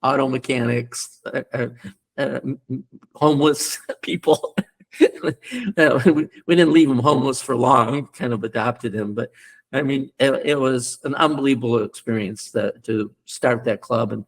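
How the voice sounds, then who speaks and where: A man's voice: mid-range voice, moderate pace, gravelly. An older American man in his seventies recounting stories in a casual interview, rambling with many fillers and restarts, and chuckling as he recalls things. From United States. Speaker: podcast guest, former rugby player and coach.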